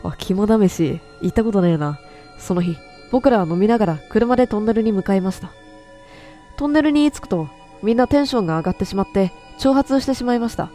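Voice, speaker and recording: A woman's voice: mid-range voice, fast talker, mellow, faint music behind. A woman playing a horror game and reading its stories aloud, chatty, quipping at herself and stumbling over words as she goes. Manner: chatty, talks to herself and quips at the text; frequent self-corrections and stumbles while reading. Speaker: game streamer.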